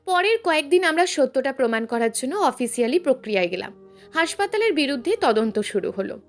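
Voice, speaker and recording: A woman in her twenties narrating a scripted story in a soft, emotional manner. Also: high voice, very animated, brisk. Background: faint background music.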